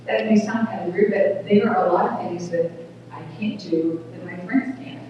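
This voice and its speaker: A middle-aged woman with a small, thin voice speaks earnestly to a crowd, stopping and restarting as she goes. She is picked up from far off in a big, booming hall. The sound is dull, with a faint rumble behind her. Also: darkish tone. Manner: earnest, plain-spoken, halting restarts. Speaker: speaker at a community awareness event. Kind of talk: public talk. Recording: echoey hall recorded from afar, dull.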